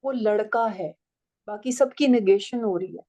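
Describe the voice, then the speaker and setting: A woman's voice: medium pitch, a little slow, warm tone, rough recording. A woman teaching a writing and language class, explaining step by step and checking that her students follow.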